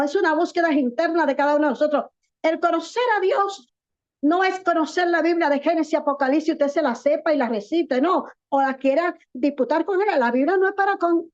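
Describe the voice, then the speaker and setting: A woman pastor with a high-pitched voice preaches a sermon. She is earnest, asks rhetorical questions and slows down to stress key words. The recording sounds dull and lo-fi.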